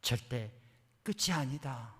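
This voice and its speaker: A man's voice: mid-range voice, expressive, slow pace, a bit bright, slightly rough, in a large hall, heavily acted. A man voicing God as a tender, reassuring presence who repeats his words with emphasis.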